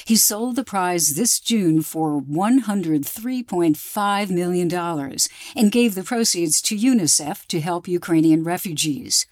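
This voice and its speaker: Female radio documentary reporter, lower register, dry studio sound, scripted narration. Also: expressive, unhurried, hardly any pauses, a little mellow, no echo.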